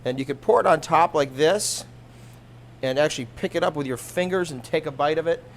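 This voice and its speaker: A man demonstrating a recipe in a studio kitchen, explaining each step in a relaxed, practical way. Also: fairly high pitch, a little fast, a little hiss or hum. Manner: relaxed, practical, thinks aloud with small restarts. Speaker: cooking demonstrator, fisherman.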